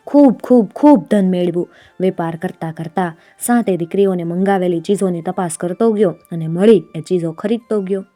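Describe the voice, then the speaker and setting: A woman narrating a folk tale in an unhurried, plain storytelling manner. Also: medium pitch, mellow, no echo.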